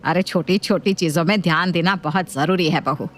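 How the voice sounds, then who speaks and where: A woman voicing a nagging older mother-in-law who keeps finding fault, speaking slower and lower than her own voice. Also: close to an everyday voice. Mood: scolding. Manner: scolding, slow and lower-voiced.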